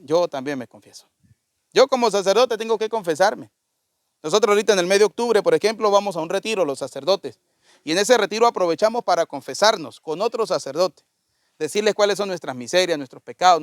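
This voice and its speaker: A priest preaching a conversational sermon, often putting questions to the congregation. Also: male voice, high voice, no room sound, studio quality.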